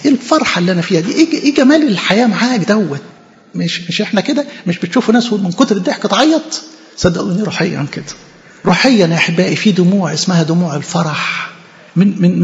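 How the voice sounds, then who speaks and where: A man's voice: high-pitched, darkish tone. An Egyptian man preaching a fervent sermon in a church, asking his own questions and answering them. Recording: reverberant hall, dull lo-fi recording.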